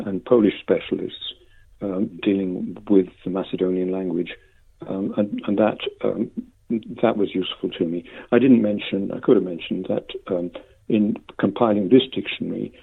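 An older man giving a hesitant, stammering interview with measured academic phrasing over a phone. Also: deep voice, creaky, slightly rough. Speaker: interviewee, lexicographer. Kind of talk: interview conversation. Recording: narrow phone-like line.

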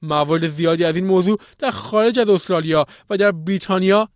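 A man's voice: high-pitched, dry recording, studio quality. A man presenting podcast news, reading from a script in a formal news style.

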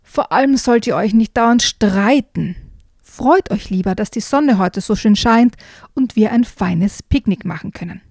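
A woman's voice: mid-range voice, expressive, a little slow, darkish tone, dry recording. A vain, sporty frog father, read by a woman scolds his children and bristles at insults with pompous self-importance. Dry, close storybook reading. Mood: chiding.

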